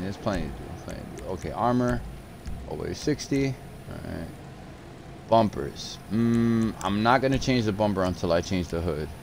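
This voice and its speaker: A man casually commenting on his game as a streamer, thinking aloud in relaxed slang and often repeating phrases. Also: lowish voice, a little hiss or hum.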